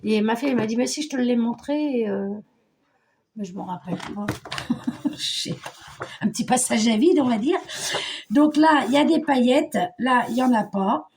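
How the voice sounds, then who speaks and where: Middle-aged woman from Paris, casual crafting vlog, higher voice, chatty and hesitant, faint background noise. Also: normal speed, long pauses, a little mellow. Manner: chatty, hesitant, many fillers and restarts. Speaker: scrapbooking vlogger. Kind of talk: casual show-and-tell chat.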